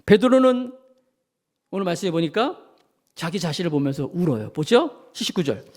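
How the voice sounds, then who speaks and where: Animated, high-voiced male preacher. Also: normal speed. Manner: animated storytelling, acts out voices and sounds; addresses congregation directly. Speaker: pastor. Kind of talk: sermon.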